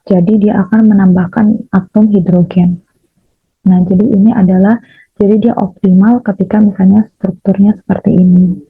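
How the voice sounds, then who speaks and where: A young woman explains a computer tutorial step by step, pausing often on fillers. Her voice is gravelly and very raspy, in a flat delivery. The audio is dry and thin, as if over a phone line. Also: mid-range voice, no echo, soft background music. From Indonesia. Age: young adult. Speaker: chemistry education student. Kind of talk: software tutorial screencast.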